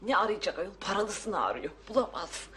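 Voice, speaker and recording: A woman's voice: medium pitch, very animated, moderate pace, a bit bright. An actress playing a chatty, fussy housewife who gossips while hosting her friends in a comedy sketch. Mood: scornful. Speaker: hostess in a sketch. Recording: roomy studio with faint hiss.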